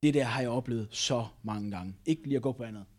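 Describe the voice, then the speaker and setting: A man's voice: mid-range voice, a little mellow. A man preaching a sermon, telling a personal story and retelling a Bible passage with many repetitions and tag questions.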